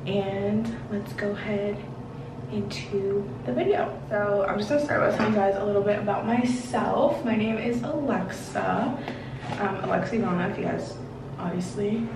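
A twenty-one-year-old beauty vlogger from Washington, D.C. rambles with many fillers in a casual get-ready-with-me chat in her bathroom. Her mid-range voice moves at a moderate pace. The camera sits a few feet away, so the distant mic picks up roomy bathroom echo and noise.

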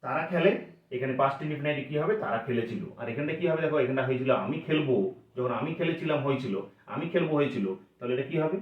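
A man's voice: medium pitch, racing. Man teaching grammar in an echoey room. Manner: patient, asks and answers his own questions. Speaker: English teacher. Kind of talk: classroom grammar lesson. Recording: echoey room, voice from a distance, dull sound.

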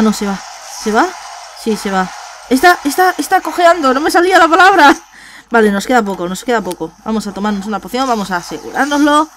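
A woman gamer with a Spain Spanish accent, giving let's play commentary; she gets excited, swears and repeats words. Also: fairly high pitch, slight background noise, poor audio.

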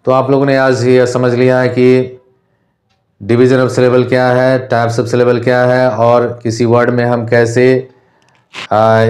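A male teacher from India walks through an English lesson, speaking slowly in a level pitch with little rise or fall. His tone is a little mellow, and he patiently, deliberately spells words out letter by letter.

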